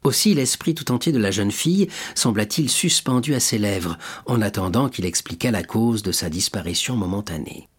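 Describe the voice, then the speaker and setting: A man narrating a classic novel as an audiobook in a measured, steady way. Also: fairly low pitch, slightly rough. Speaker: audiobook reader.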